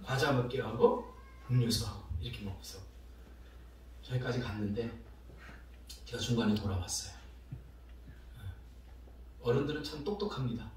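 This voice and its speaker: A middle-aged man preaching a sermon as pastor, telling stories in an animated way, acting out the voices of people he quotes, and laughing often. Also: medium pitch, moderate pace, pauses often. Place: church sanctuary. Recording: very echoey church hall from far off, faint noise.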